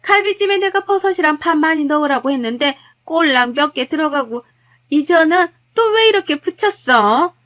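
A woman voicing a haughty, scolding middle-aged mother-in-law who nags loudly and with contempt. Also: extremely high pitch, voice pushed up. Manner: nagging, contemptuous, loud.

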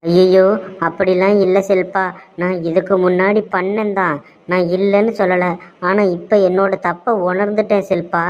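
A woman's voice: fairly low pitch, flat delivery, normal speed, a little mellow, natural voice. A woman voicing a remorseful young man in a cartoon, pleading in a theatrical way, with a Tirunelveli Tamil accent. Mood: reassuring. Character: remorseful young man, scheming, wavering son. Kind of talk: cartoon voice acting. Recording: dull lo-fi sound.

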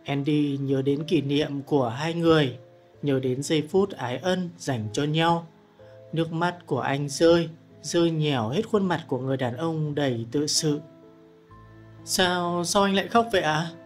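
A man reads a story aloud in measured, dramatic narration. His voice sits a little high for a man. A faint guitar plays quietly underneath. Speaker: audiobook narrator.

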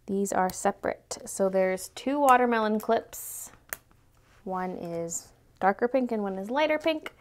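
Speaking off camera at an indoor tabletop product shoot, this unboxing host is a young adult woman with a mid-range voice. Her intonation is lively and her pace unhurried as she chats casually, exclaiming over anything cute.

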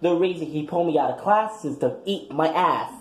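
A man's voice: fairly high pitch, brisk, close to an everyday voice. A man voicing a brash, foul-mouthed young woman graduate giving a crude, combative speech in a comic skit. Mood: sassy. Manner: crude, combative, trash-talking. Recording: echoey room.

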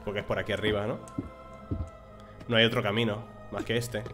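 A man's voice: fairly low pitch, flat delivery, brisk, music in the background. A man from streaming a video game, chatting casually with his viewers and reading the game's text aloud. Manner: casual, chatty, talks to chat and reads dialogue. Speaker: gaming streamer.

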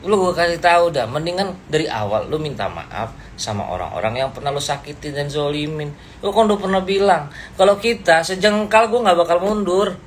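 Man, fairly high voice, blunt confrontational livestream rant, faint room hiss. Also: lively intonation, brisk. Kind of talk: ranting live stream to viewers. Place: indoors, seated.

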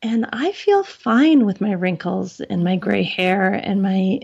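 Guest voice: earnest, chatty woman in her forties, middle pitch, dull lo-fi remote line. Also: expressive, slow pace, vocal fry, darkish tone, husky. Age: 40s. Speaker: podcast guest. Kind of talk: casual conversation.

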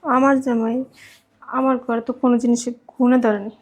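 Woman, fast protesting sister in a village drama. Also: a little high, flat delivery. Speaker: sister in a family skit. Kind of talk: Bangladeshi village drama acting.

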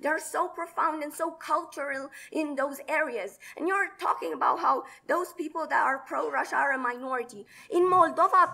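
A young Romanian woman gives a rapid, combative debate speech packed with rhetorical questions inside a large indoor conference hall, captured by a far-off camera. Her voice is high-pitched and sharp, with vocal fry.

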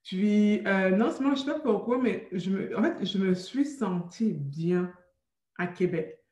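Fast, halting woman on a video call. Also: medium pitch, animated, dark tone. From Cameroon, raised in France. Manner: quick, with many restarts and fillers. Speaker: guest entrepreneur. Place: room with a brick arch at home. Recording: roomy video call audio.

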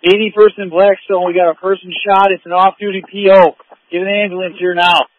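Male cop, urgent clipped calls over a tinny police radio, higher voice. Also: flat delivery, brisk. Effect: heard over a police radio. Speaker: police officer.

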